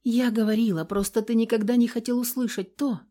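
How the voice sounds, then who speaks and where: A woman voicing a tired, stubborn young daughter who speaks softly and reproachfully, in an audiobook. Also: a little high, steady tone, fairly quick, voice pushed up, close to an everyday voice. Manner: soft, reproachful, pleading.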